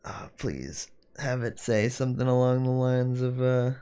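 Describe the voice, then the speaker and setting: A man livestreams while doing 3D design work, chatting casually and rambling as he thinks aloud and corrects himself. His voice is mid-range, darkish and clean.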